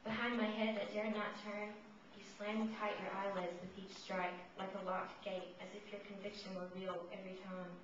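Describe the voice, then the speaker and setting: A woman's voice: mid-range voice, little pitch movement, moderate pace, hardly any pauses. Woman reading poetry in a very echoey room. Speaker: poet reading her own work. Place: reverberant indoor room, live reading. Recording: distant, muffled, echoey room with noise.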